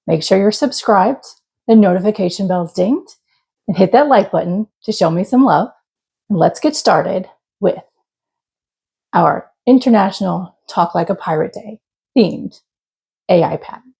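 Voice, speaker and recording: A woman's voice: medium pitch, lively intonation, unhurried, creaky, mellow, slightly rough. A woman hosting a crochet tutorial vlog in a chatty, casual way, opening with playful pirate greetings. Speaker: crochet channel host.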